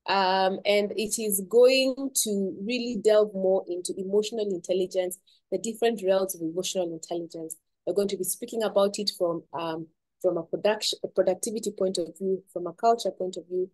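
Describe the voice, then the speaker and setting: A woman hosting an online webinar. She talks steadily and fills pauses with many ums and repeated words. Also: medium pitch, darkish tone, poor audio. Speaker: webinar host.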